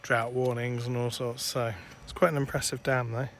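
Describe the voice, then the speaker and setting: Filming a travel vlog outdoors at sightseeing spots, a man with a mid-range voice chats casually, relaxed and quick to laugh. Loud wind and traffic noise fill the recording.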